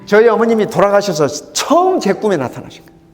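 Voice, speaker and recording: A man in his sixties preaching a sermon as pastor, swinging between fervent raised lines and hushed near-whispers. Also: high voice, wildly swooping pitch, quick pace, big-room sound, soft background music.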